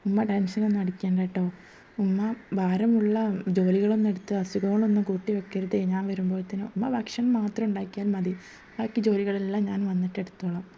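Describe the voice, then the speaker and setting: A woman voicing a gentle young wife who speaks softly and pleadingly, in a dull lo-fi recording. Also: mid-range voice, flat delivery, a little fast, vocal fry, a little hiss or hum, close to an everyday voice. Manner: soft, pleading.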